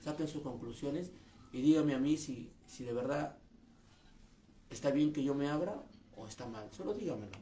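A man's voice: mid-range voice, animated, normal speed, warm tone. Man, comedian, aggrieved and earnest, repeats himself, roomy sound, faint noise behind. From Peru. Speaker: street comedian. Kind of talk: personal video statement.

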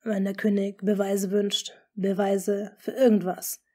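A woman voicing a scheming noble duke in an audiobook, speaking smoothly and often in a hushed, half-whispered tone. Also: mid-range voice, little pitch movement. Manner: smooth, measured. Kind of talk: audiobook character reading.

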